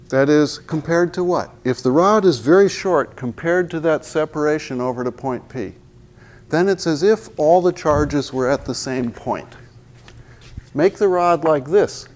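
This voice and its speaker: A slightly high, somewhat mellow male voice belongs to a man in his sixties giving a physics lecture at a university. In a large hall and wearing a lapel mic, he jokes and poses rhetorical questions, walking to the chalkboard and pointing at it mid-sentence.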